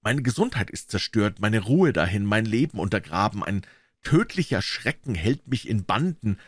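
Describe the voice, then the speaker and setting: A man reading a classic story aloud as audiobook narration, in a dramatic, expressive way. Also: lowish voice, normal speed, slightly rough, no room sound. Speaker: audiobook reader.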